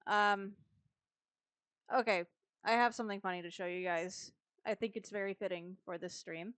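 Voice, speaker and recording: A woman's voice: medium pitch, fairly even intonation, normal speed, fairly bright tone, smooth, dry recording. A woman art streamer chatting casually with her viewers while reacting to a video.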